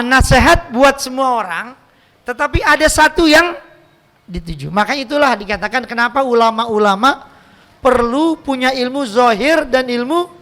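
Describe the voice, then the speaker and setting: Betawi-accented male preacher, high gravelly voice, chatty and joking teaching style in a mosque. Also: sharp tone. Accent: Jakarta Betawi. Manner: joking, conversational, slangy, quotes Arabic text then explains. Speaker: cleric teaching a mosque study circle. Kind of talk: casual teaching sermon. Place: mosque hall.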